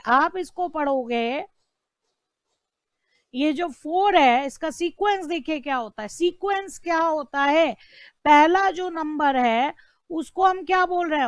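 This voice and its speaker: A woman's voice: high-pitched, no echo. A woman teaching an online law lecture, asking rhetorical questions and repeating key terms.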